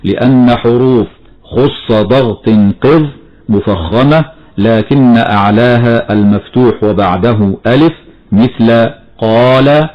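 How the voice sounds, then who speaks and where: A man teaching the rules of Quran recitation, explaining steadily and chanting slow example verses. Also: mid-range voice, muffled recording. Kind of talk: tajweed lesson with recited examples.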